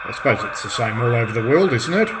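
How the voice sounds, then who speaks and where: Clear radio static and noise run underneath this middle-aged hobbyist and radio restorer, who hosts his own channel in a mid-pitched voice. His talk is loose and unscripted, with thoughtful hesitations and frequent fresh starts mid-phrase.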